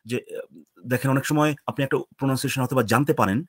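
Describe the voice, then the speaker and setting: A man's voice: medium pitch, steady tone, very fast, no room sound, studio quality. A man on a panel in a casual live discussion, hesitant and searching for his words. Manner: hesitant, many fillers and restarts while searching for words.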